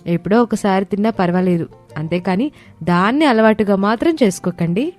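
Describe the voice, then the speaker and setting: A woman voicing a calm, wise young daughter-in-law who is a doctor, giving gentle advice in an animated story. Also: mid-range voice, brisk, soft background music, close to an everyday voice. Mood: advising. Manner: gentle advising.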